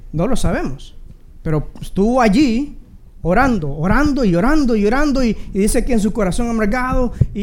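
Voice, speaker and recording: A man's voice: sits high, darkish tone, slight background noise. A man with a Dominican accent preaching a sermon, earnest and conversational, with bursts of humor. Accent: Dominican Spanish. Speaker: pastor.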